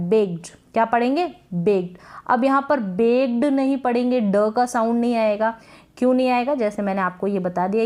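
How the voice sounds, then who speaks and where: A woman teaching English pronunciation in a Hindi-language lesson, patiently repeating words and asking her viewers questions to check they follow. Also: on the high side.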